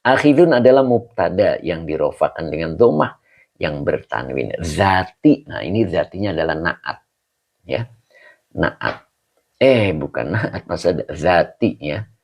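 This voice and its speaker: Slow, gravelly low-voiced man teaching. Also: darkish tone. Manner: explains step by step, corrects his own slips. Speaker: Quran teacher. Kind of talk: Quran study class on Arabic grammar.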